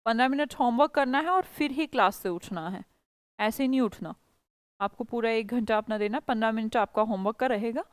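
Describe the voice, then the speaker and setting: A woman's voice: on the high side, fairly quick, smooth, no echo. A woman teaching a spoken English class, coaxing students and quizzing them by repeating phrases.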